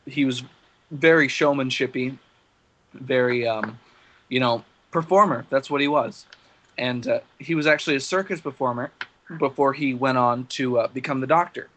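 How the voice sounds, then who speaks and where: A man's voice: mid-range voice, fairly bright tone. A man co-hosting a casual fan podcast, steering the talk in a rambling way with fillers and restarts, while he has the hiccups. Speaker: podcast co-host leading the discussion.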